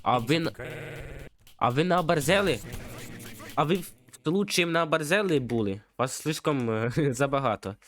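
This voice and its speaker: A man giving excited gameplay commentary, breaking into panicky yelps and repeated outbursts. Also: on the high side, moderate pace. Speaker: let's play gamer. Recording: game music loud under voice. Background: game music.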